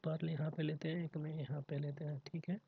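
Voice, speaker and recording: A man, tutoring through mock exam puzzles, reading questions slowly and then rattling off solving steps in Hindi. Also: on the high side, level tone, vocal fry, a little hiss or hum. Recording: dry tinny phone-like audio.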